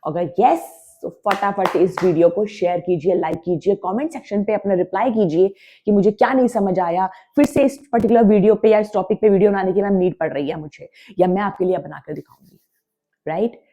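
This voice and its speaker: A woman's voice: medium pitch, fairly quick, dark tone. A woman teaching English grammar in a lesson, mixing Hindi with English words. She repeats her points with emphasis and drills the letter sounds aloud. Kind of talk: classroom-style grammar lesson.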